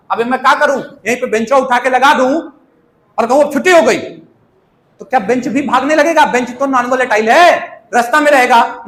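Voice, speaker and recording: A man's voice: extremely high pitch, fairly bright tone, echoey room. A male chemistry teacher, lecturing playfully and quizzing students with everyday examples. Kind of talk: classroom lecture.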